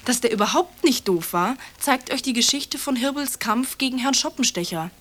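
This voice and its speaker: A woman presents a school radio programme and talks straight to the young listeners. She is friendly and clear. Her voice sits fairly high. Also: expressive, moderate pace, fairly bright tone. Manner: friendly, speaks directly to children.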